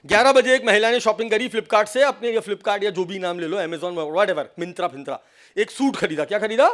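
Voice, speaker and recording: A man giving a lively seminar lecture on cyber safety to a live audience, mixing Hindi and English and acting out phone calls as he teases the listeners. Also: sits high, normal speed. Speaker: seminar speaker on cyber crime.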